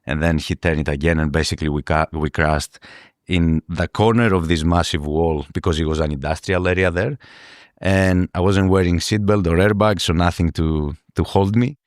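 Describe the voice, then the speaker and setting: A man from Greece, a podcast guest speaking earnestly in a halting way, often repeating words as he searches for them. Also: deep voice, fairly even intonation, dry recording, studio quality. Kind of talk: podcast interview.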